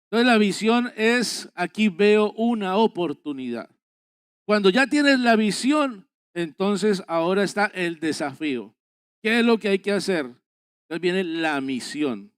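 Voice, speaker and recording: A male pastor delivers a sermon at a church service, urging his listeners on in an earnest, exhorting way and hammering home points through repetition. His voice sits high and comes across clean and resonant. The sound is dry and close, with little room echo. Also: expressive, slow, clear, resonant tone. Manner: earnest, exhorting, repeats phrases for emphasis.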